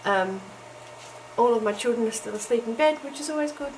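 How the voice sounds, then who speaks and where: Her voice a little high, a little fast and darkish in tone, a middle-aged crafting vlogger chats while she crafts at home early in the morning, croaky from having just woken. She's self-deprecating and chatty, with frequent ums and little laughs. The camera's built-in mic makes for a noisy recording.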